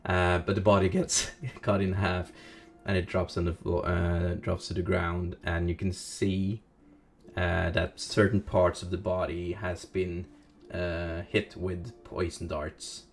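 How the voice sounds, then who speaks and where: A man's voice: deep voice, little pitch movement, takes it slowly. A man narrating as game master of a tabletop game, hesitant with many fillers, with music playing behind.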